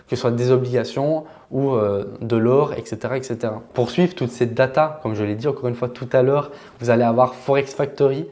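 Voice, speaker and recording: Un homme à la voix de hauteur moyenne explique des notions d'économie à des débutants. Son ton est familier et détendu, parsemé de petites hésitations. Il tutoie et vouvoie son public comme un formateur en ligne. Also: male voice, mid-range voice. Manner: relaxed, chatty explaining with filler words. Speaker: trading educator. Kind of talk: casual explanatory lesson.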